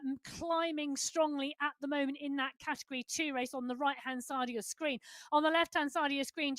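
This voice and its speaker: A woman co-commentates live on an online cycling race in a high voice. She reads out results and rider positions briskly. The sound is dry and close. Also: fairly bright tone, no room sound.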